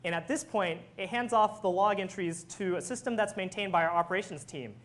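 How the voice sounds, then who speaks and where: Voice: mid-range voice, fairly quick, fairly bright tone. A technical presenter of unclear sex explaining things step by step in a prepared talk. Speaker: software engineer presenter.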